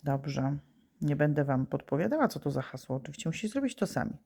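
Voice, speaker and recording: In a remote lesson for young pupils, a primary school teacher speaks fast in a deep, warm voice with vocal fry and a breathy edge, sounding very animated. She is patient, posing questions and answering them herself.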